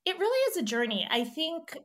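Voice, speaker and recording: A woman's voice: extremely high pitch, very animated, fairly quick, a bit bright. A young adult American woman speaking earnestly and reflectively as a guest, with many fillers. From United States. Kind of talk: reflective conversation.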